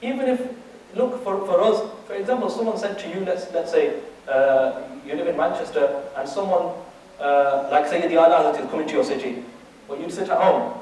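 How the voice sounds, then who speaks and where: A man gives a religious lecture in a strongly echoing room, his voice slightly high and set well back from the microphone. He keeps turning to his listeners with rhetorical questions and checks. He often restarts and repeats words as he goes. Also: expressive, fairly quick, darkish tone, slight background noise. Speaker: Islamic teacher. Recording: very echoey room, distant mic.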